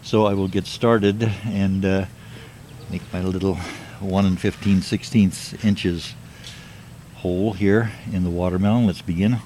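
An older man slowly musing in a plain, matter-of-fact way while filming himself outdoors. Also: sits low, fairly even intonation, warm tone. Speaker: video maker. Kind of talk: rambling self-filmed monologue. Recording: noisy outdoor video clip.

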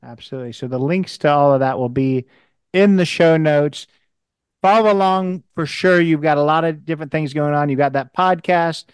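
A man's voice: on the high side, normal speed, clear, resonant tone, dry recording. A man hosting a podcast interview, talking casually with many restarts and fillers. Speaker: podcast host.

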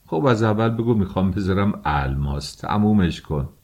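A brusque, irritable young husband with a deep, husky voice, as a male reader plays him. He scolds and argues in an audiobook drama. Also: animated, a little mellow. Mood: irritated. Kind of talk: audiobook character reading.

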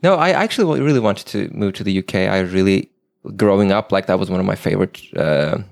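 A young man from Turkey, a native Turkish speaker with a slight British accent, chatting as a guest in a halting, meandering way full of restarts. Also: deep voice, animated, gravelly, no echo, clean studio sound. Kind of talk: casual chat.

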